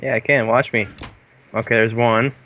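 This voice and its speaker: A man from the United States chatting casually while gaming with friends, excitable and quick to shout and laugh. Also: mid-range voice, slight background noise. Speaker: gamer.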